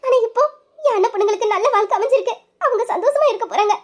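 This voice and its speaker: A high young voice playing a grieving young wife who blames herself over her brother, in a tearful, pleading manner. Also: very fast. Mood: relieved, warm. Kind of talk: Tamil family-serial storytelling.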